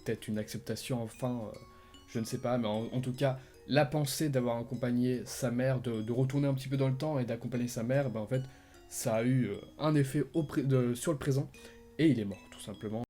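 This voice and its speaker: Man, relaxed mellow voice, chatty explainer, lively retelling, faint music underneath. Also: mid-range voice, brisk. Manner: animated retelling with sound words and fillers. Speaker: YouTuber explaining the endings of an interactive film. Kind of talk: casual explainer narration.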